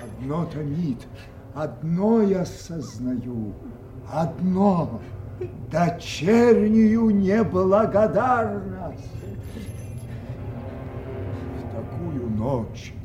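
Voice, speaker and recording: An actor playing an anguished old king losing his mind, in brooding, declamatory tragic style. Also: on the low side. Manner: brooding, declamatory, swelling from hushed to impassioned. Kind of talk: theatrical classical tragedy monologue.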